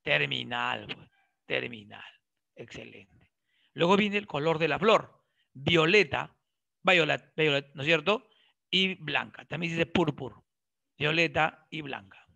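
A man lecturing a biology class, quizzing his students and cracking jokes as he goes. His voice sits a little high and sounds bright and gravelly. It is recorded close and dry, with no room sound. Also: a little slow, long pauses, no echo. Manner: lively, questioning students directly and joking. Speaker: biology teacher.

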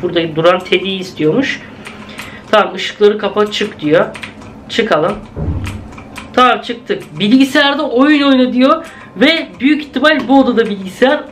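A man's voice: very high-pitched, a bit bright, slight background noise. A young man giving chatty, jumpy let's-play commentary, exclaiming at scares and talking to his viewers. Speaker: gaming video host.

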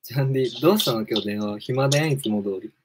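A man hosting a livestream, chatting with a caller in an animated, teasing way. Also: mid-range voice, quick pace, very noisy. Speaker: livestream host. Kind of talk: casual livestream chat.

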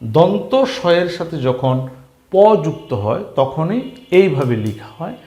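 A man teaches beginners to read, slowly drilling each letter and syllable and asking questions as he goes. His voice sits fairly high and swings up and down with animation. The recording carries a roomy echo. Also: lively intonation, darkish tone. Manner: slow, patient, repeats and drills syllables, asks questions. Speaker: Bengali reading teacher. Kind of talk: spelling lesson for beginners.

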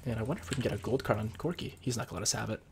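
Talking very fast over some background noise, a young man with a cold chats from his computer at home while he plays a video game. His voice comes out a bit husky and deeper than usual as he casually explains his strategy in his commentary.

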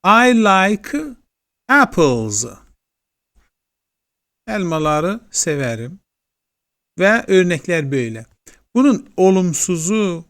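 A man with a Turkish accent teaching English, slowly repeating example sentences in a classroom-style lesson. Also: a little high, a bit bright. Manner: slow, drilling repetition of example sentences.

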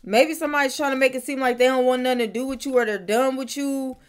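Young woman tarot reader, slightly high voice, thinks aloud and repeats lines, bedroom to camera. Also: fairly even intonation, fast talker. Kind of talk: casual tarot reading to camera. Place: bedroom, indoors.

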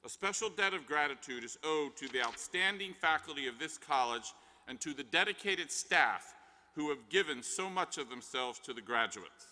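An older man, a dean, giving a measured formal closing address from a podium in a large arena. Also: on the high side, lively intonation, bright, forceful tone. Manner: measured, reads from a script. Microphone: podium mic. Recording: long arena reverb.

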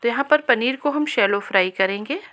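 Speaking straight to her viewers, a cooking-channel host gives a calm, step-by-step recipe voice-over. She has a fairly high voice and talks fairly quickly.

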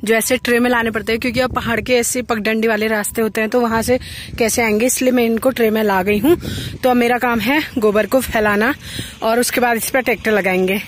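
Woman, 30s, from Uttarakhand, rather high voice, chatty village vlogger talking into a phone at arm's length outdoors. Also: fairly even intonation, a little fast, a little hiss or hum. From Uttarakhand, India. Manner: chatty, explains each task as she goes. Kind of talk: casual vlog narration to camera. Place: hillside fields outdoors. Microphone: phone held at arm's length.

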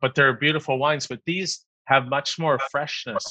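A man hosting a wine tasting interview on a video call, talking in a relaxed conversational way. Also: medium pitch, moderate pace, no echo, rough recording. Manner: relaxed conversational, short backchannels. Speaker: host, wine critic.

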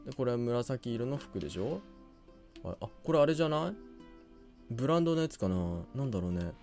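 Hoarse man, low-key game commentary, lively swinging pitch, faint background music. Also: a little fast. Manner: low-key, chatty, muttering to himself. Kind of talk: quiet let's-play commentary.

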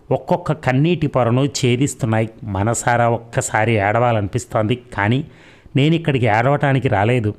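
A man narrating a novel aloud in a steady, measured reading. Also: medium pitch. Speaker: novel reader.

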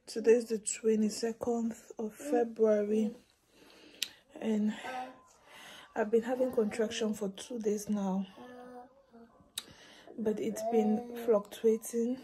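A woman's voice: fairly high pitch, flat delivery, slow, pauses often, dark tone, rough recording. A woman vlogging a casual update, chatting directly to her viewers. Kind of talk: casual vlog update to camera.

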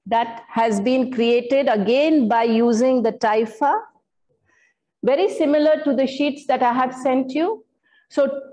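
A woman's voice: on the high side, warm tone, poor audio. An older woman giving a floral art workshop demonstration, explaining her materials step by step with some fillers. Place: indoor studio room.

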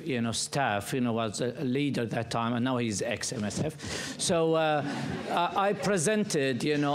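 A man chairing a panel discussion at a conference table, speaking haltingly with many restarts. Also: medium pitch, a little hiss or hum. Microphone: table microphone.

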